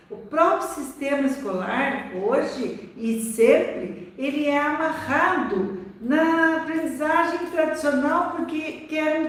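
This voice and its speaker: A Brazilian woman, a literacy educator, teaching in an animated live-stream talk full of rhetorical questions. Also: sits high. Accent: Brazilian Portuguese. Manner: animated, rhetorical questions, acts out quoted voices. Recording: echoey room, voice from far off.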